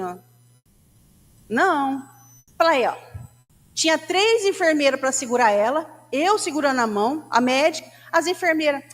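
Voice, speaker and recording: Brazilian woman lecturer, high-pitched, chatty anecdotal spiritist talk, reverberant hall. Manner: chatty storytelling, addresses audience as gente.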